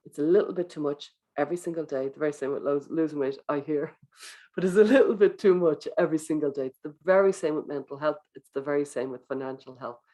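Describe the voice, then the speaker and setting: A speaker giving a wellbeing talk to teachers in a gentle, coaching manner, guiding breathing exercises and acting out inner thoughts. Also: mid-range voice, fast. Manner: acts out inner thoughts in quoted voices.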